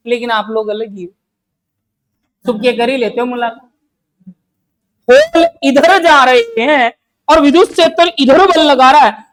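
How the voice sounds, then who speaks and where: This classroom lecture comes from a man from Rajasthan, India, whose very high, fairly bright voice is captured on poor audio. He repeats every question, answers it himself, and uses playful everyday comparisons.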